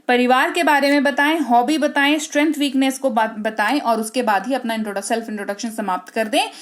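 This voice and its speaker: A woman with an Indian accent teaching a spoken English lesson, explaining in Hindi mixed with English and often checking in with her listeners. She slows right down whenever she models an English sentence. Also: sits high.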